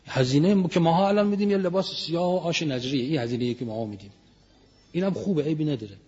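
Male preacher, raised husky voice, sermon with slowly intoned prayer lines, muffled lo-fi sound. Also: fairly high pitch, a little mellow. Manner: slowly intones Arabic prayer lines, then explains them. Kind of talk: religious sermon.

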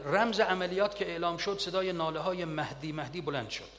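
A man's voice: a little high, a bit bright. A man telling wartime stories in an earnest sermon style, his voice swelling with emotion, recorded in a reverberant hall.

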